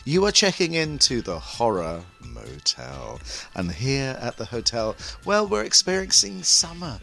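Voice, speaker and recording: Campy British drag-queen host, lively and bright. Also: mid-range voice, creaky, soft background music. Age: middle-aged. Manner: campy drag-queen flamboyance, theatrical drawn-out greetings. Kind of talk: theatrical show introduction.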